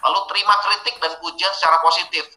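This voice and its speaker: A man leads a training webinar in a lively, casual way, putting questions directly to his audience. He talks fast in a high-sitting voice, and the low-quality recording sounds like an echoey room.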